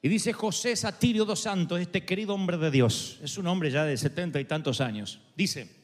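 A man's voice: sits high, normal speed. A man with an Argentine accent preaching a sermon, telling a story with animation and acting out the voices of the people in it. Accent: Argentine Spanish. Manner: animated, acts out quoted voices. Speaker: pastor. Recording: reverberant hall with soft music.

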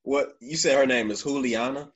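A man's voice: mid-range voice, steady tone, normal speed. A man co-hosting a casual interview, asking brief, easygoing questions. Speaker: co-host.

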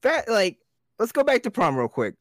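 A young man rambles through a story on a casual podcast, swearing freely and breaking into laughter. His voice sits a little high and swings widely in pitch. The mic is close and dry. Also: huge pitch swings, moderate pace, fairly bright tone, no echo. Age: young adult. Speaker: podcast co-host. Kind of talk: casual chat.

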